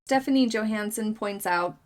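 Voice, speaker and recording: A woman talks to camera in a relaxed, chatty commentary vlog, reading viewer comments aloud and giving her own opinions. She hedges often and drifts into fillers as she thinks aloud, in a mid-range voice. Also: mid-range voice, moderate pace. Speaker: commentary channel host.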